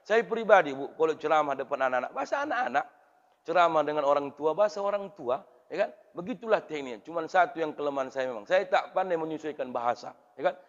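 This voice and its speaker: A man preaching a lively mosque sermon, swinging between loud and soft and acting out voices. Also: on the high side, fast. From Indonesia. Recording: reverberant hall through dull PA sound.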